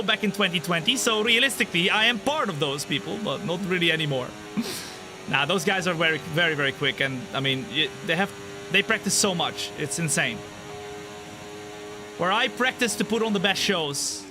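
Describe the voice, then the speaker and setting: Streaming a racing sim and chatting with his audience, this man in his twenties is laid-back between races and excitable, his voice leaping high, once the action starts. Engine roar and game music sound in the background.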